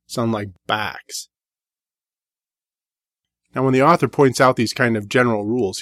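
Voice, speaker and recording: Brief: man with an Inland North accent, even mid-pitched voice, measured book-review read. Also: no room sound, studio quality. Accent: Inland North American. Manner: measured, slows down to sound out example words.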